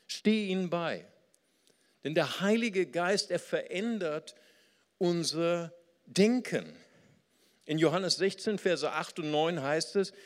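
A man preaching a sermon as pastor, lively and storytelling, slowing down to stress key words. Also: a little high, long reverb tail.

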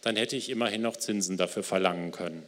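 A man's voice: sits low, fast talker, fairly bright tone, long reverb tail, pitched below the performer's own voice. A man reading out the lines of a stern, angry king from a parable. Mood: stern, grave.

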